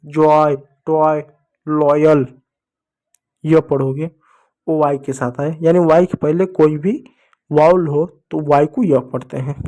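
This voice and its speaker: A man with a slightly raised voice teaches reading to children. He keeps asking the class questions and answering them himself, and he spells words out slowly, one letter at a time. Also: fairly high pitch, a little mellow.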